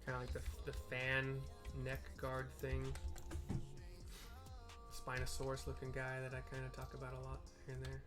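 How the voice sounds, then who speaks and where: A man streaming gameplay talks over music in a mid-range, monotone voice at a moderate pace. His commentary is casual and hesitant, as he thinks out loud and describes the on-screen action.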